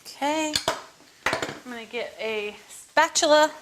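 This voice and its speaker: Woman, cooking host, casual tutorial, chatty, home kitchen, slightly high voice. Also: slow, background noise. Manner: chatty, talks viewers through each step.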